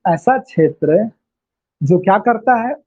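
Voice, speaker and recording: A man's voice: high-pitched, expressive, slow pace, a little mellow, slightly rough. A male teacher giving an online class lecture, repeating key phrases and firing questions at his students. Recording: tinny lo-fi phone-like audio.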